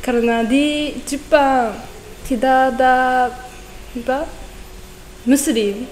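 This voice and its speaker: A teenage exchange student from Japan with a Japanese accent, a young woman speaking Indonesian as a foreigner in halting, simple phrases as she answers interview questions. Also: high voice, darkish tone. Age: teens. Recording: echoey reverberant room with background noise.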